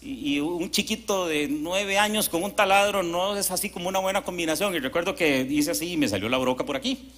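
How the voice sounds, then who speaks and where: Pastor preaching, high bright voice, tells stories and acts out the people in them. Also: male voice, a little fast. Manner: lively storytelling with acted quotes and asides. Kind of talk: sermon. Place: church service.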